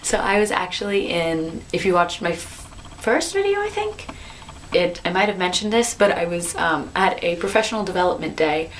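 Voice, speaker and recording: A woman in her twenties chatting to camera as a vlogger, telling her story in a bubbly, animated way. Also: on the low side, normal speed, a little hiss or hum. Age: 20s. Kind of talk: casual chat to camera.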